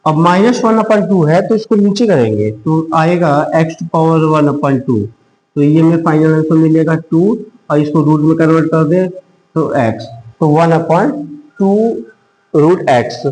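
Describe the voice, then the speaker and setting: Slow man teaching math. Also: on the high side, darkish tone, echoey room, rough recording. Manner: slow, step-by-step explaining with rhetorical questions. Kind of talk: blackboard math lesson.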